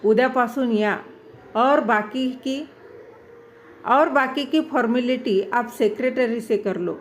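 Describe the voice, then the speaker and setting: A woman voicing a calm, firm older male dance teacher in a storybook reading. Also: on the high side, slight background noise. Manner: calm, measured, pushing firmly.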